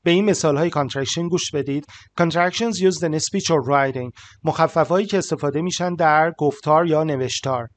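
Man teaching grammar in quick bursts. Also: a little high. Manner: rapid explanations, slow careful example sentences. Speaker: English teacher. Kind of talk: explaining grammar to learners.

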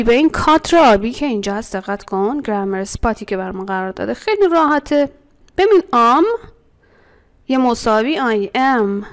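Lively woman teacher with gravelly voice. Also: on the high side. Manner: animated, slows to model English phrases, repeats them. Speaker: English teacher. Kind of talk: language lesson explaining a textbook.

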